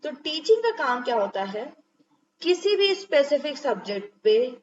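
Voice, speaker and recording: Young female lecturer with a high voice, explaining step by step, dull lo-fi recording. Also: sing-song, moderate pace, a little mellow, a little hiss or hum. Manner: explains step by step, asks checking questions. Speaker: teacher. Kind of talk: exam-prep lecture.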